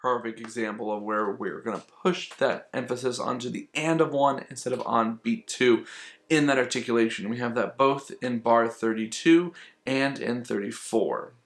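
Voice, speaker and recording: A man's voice: medium pitch, fairly even intonation, normal speed. A man teaching flute, explaining musical phrasing patiently and repeating key points for emphasis. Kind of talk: instructional explanation.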